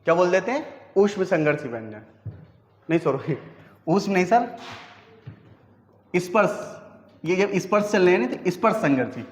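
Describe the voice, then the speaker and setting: A man's voice: high voice, animated, normal speed, long pauses. A male teacher giving a classroom lesson, who keeps asking his students questions and then answering them himself. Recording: echoey room, dull lo-fi sound.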